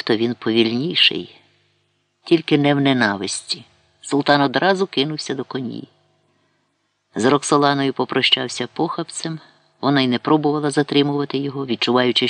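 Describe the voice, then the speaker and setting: Guy reading a history novel audiobook, steady storytelling, mid pitch, super dry close mic. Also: no room sound. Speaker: audiobook narrator. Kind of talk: scripted narration of a historical novel.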